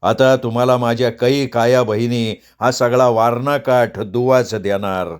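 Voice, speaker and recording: A man voicing a strong, grateful rustic village man in a storybook reading, talking in slow, heavy village speech. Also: mid-range voice, fairly even intonation, clear, resonant tone, close to an everyday voice. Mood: earnest.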